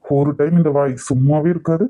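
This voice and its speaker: A man with a Nagercoil Tamil accent voicing an arrogant, short-tempered young company boss in a cartoon, gruff and commanding. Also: on the high side, steady tone, brisk, no echo, narrow, tinny audio, natural voice. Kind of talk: cartoon voice acting.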